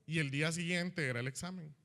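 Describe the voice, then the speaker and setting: A young man telling his personal testimony in church as an animated storyteller who keeps asking "¿verdad?". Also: a little high, fast talker. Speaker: church member giving a testimony. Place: church hall.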